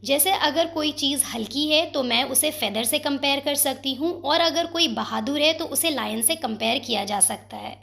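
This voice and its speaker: A woman teaching English literature terms, explaining in Hindi mixed with English and reading quoted poem lines slowly. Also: sits high, gravelly, sharp tone.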